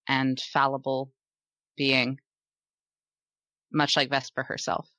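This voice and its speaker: A player narrates their character's actions in a tabletop game, thoughtful and a little hesitant. The delivery is slow and mid-pitched, and the sound is dry and close. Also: bright, forceful tone, clear, resonant tone, no room sound.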